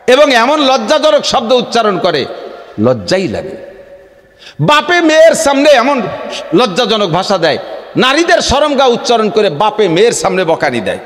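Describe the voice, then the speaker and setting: A man from the area preaching a humorous sermon, swinging between low confiding asides and loud shouted declamation. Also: big-room sound.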